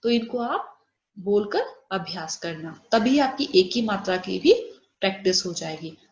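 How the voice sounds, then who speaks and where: A woman teaching a Hindi lesson, saying example words slowly and giving their English meanings. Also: medium pitch, animated. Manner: explains Hindi words with English glosses, slow drawn-out examples. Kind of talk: online class lesson. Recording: echoey room, dull lo-fi audio.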